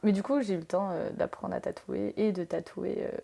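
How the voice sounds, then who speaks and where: Young Frenchwoman, tattoo artist guest, rambling casual chat, creaky voice. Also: medium pitch, fairly even intonation, brisk, warm tone. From France. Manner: chatty, rambling with many filler sounds.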